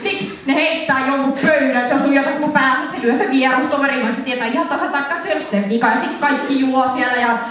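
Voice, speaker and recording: A young Finnish woman presenting a lively convention panel to an audience, laughing and acting out scenes in funny voices. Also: high voice, hardly any pauses. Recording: echoey hall, voice from far off, faint noise.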